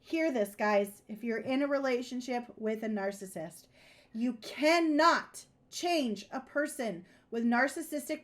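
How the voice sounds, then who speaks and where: High-voiced woman giving emphatic advice. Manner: emphatic, repeats key advice. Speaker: podcast co-host. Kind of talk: casual advice chat.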